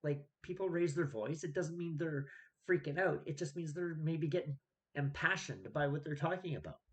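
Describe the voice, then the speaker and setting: A man's voice: on the high side, normal speed. A man vlogging a solo opinion rant, exasperated and emphatic, full of rhetorical questions.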